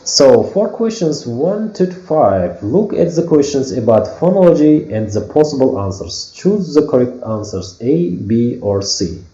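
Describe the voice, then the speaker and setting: A man with an Uzbek accent teaching an English phonology lesson, slowly explaining with many fillers and restarts. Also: medium pitch, very animated, mellow. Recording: echoey room, dull lo-fi sound.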